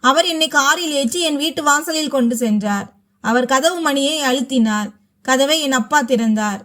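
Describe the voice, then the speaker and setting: A woman narrating a first-person story with a dramatic, emotional delivery. Her voice sits high. She tells the tale as a storyteller. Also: moderate pace, a bit bright.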